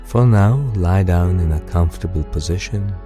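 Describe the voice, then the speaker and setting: Close to the mic and speaking in a low voice, a man narrates a guided sleep meditation and bedtime story, soothing, gentle and unhurried, over soft music.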